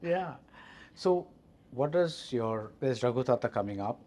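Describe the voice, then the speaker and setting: Male interview host, film critic, animated and probing. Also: mid-range voice, measured pace. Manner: probing, enthusiastic questions. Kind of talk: casual interview chat.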